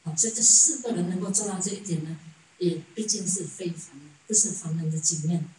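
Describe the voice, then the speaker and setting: A woman's voice: lowish voice, fairly quick, warm tone, a little hiss or hum. A woman giving a Buddhist sermon as a story, chuckling often and asking rhetorical questions. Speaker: Buddhist dharma teacher. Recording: echoey room, distant mic.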